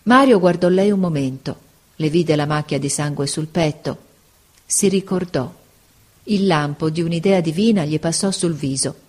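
A woman narrating a dramatic story aloud in an expressive, measured way. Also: sits low. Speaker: audiobook narrator.

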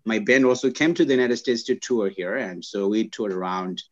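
A man from Zimbabwe, a scientist and guest, telling his life story in casual interview talk, pausing often with fillers and restarts. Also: lowish voice, muffled recording. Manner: halting, many "uh" fillers and restarts.

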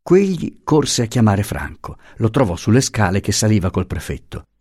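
A man reads a classic novel aloud in a measured, expressive way. His voice is low and swings widely in pitch, and the recording is dry and close with no room sound. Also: breathy edge, no room sound. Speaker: audiobook reader. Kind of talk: scripted narration.

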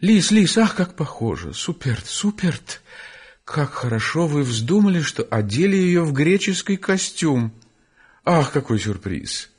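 A man's voice: mid-range voice, sing-song, moderate pace, a little mellow. A man reading an audiobook voices a gushing aristocratic lady, fluttery and exclaiming, dropping French phrases. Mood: delighted.

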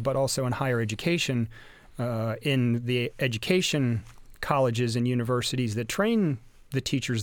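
A man's voice: medium pitch, no room sound. Man, university guest on radio, rambling, restarts, dry close sound. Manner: rambling, many fillers and restarts. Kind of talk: radio interview.

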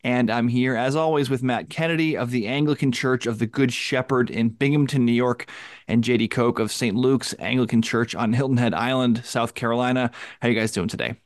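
A man of average pitch hosts a podcast in an orderly, articulate way. His delivery mixes prepared introduction with casual chat, and the sound is dry. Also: steady tone, brisk, no room sound. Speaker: podcast host and Anglican pastor. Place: basement.

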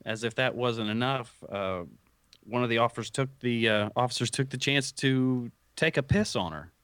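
A man with a mid-pitched voice, recorded dry and close. He co-hosts a casual talk show, reporting stories in an offhand, wry manner. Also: moderate pace, a bit bright, clear, resonant tone, no echo. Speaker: co-host reporting news stories. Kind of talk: casual chat.

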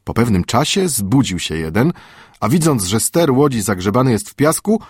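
A middle-aged man reading a classic adventure novel aloud in a measured, steady storytelling manner. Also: medium pitch, breathy edge, dry recording, studio quality. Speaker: audiobook narrator. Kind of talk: scripted literary narration.

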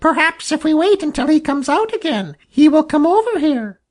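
A man's voice: very high voice, very animated, normal speed, voice pushed up. A man voicing a blue jay suggesting they wait. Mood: hopeful. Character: hopeful scheming male blue jay.

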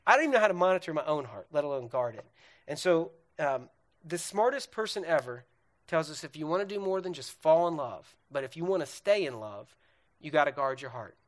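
A man's voice: a little high, expressive, brisk. A young man giving an earnest, conversational sermon on relationships, speaking straight to his listeners and often checking in with "right?". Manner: lists questions and feelings one by one.

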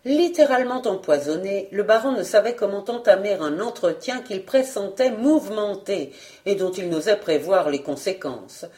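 A woman reading a storybook aloud with expressive, animated narration. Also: medium pitch, normal speed. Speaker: audiobook reader.

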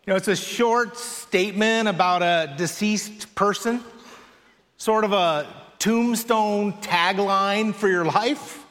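A man preaching a sermon in a church in an unhurried, conversational way with dry touches of humor. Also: sits high, fairly bright tone. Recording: long reverb of a large hall.

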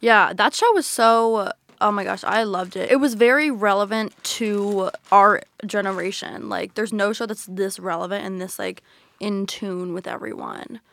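A woman's voice: medium pitch, normal speed, gravelly, a bit bright, no room sound. A young adult woman co-hosting a podcast in casual, informal chat, often peppered with filler "like". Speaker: podcast co-host.

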